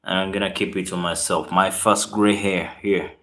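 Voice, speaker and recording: A man's voice: deep voice, steady tone, normal speed, a bit bright. A man from Uganda with a Ugandan accent, chatting casually on a live stream, greeting viewers and reading out their comments. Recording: roomy echo.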